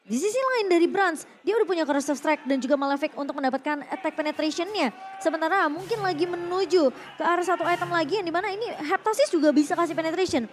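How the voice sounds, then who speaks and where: A woman's voice: extremely high pitch, fast, slight background noise. A woman with an Indonesian accent giving live analysis as an esports co-commentator.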